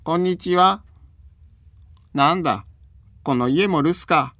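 A man's voice: on the high side, slow pace, fairly bright tone, no echo, clean studio sound, pitched above the performer's own voice. A man voicing a kindhearted male shape-shifting trickster in a folk tale, grumbling to himself and calling out cheerfully. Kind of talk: storybook reading.

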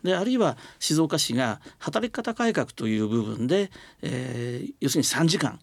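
A man's voice: mid-range voice, very animated, normal speed, gravelly, dry recording. An older man, a business leader guest on a radio interview, explaining his views earnestly at length with many fillers. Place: radio studio.

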